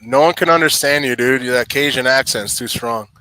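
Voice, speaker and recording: A man's voice: medium pitch, normal speed, bright, forceful tone, a little hiss or hum, low-quality recording. A man chatting casually and informally as a guest on an internet call-in stream. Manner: informal, says dude and man. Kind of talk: casual chat.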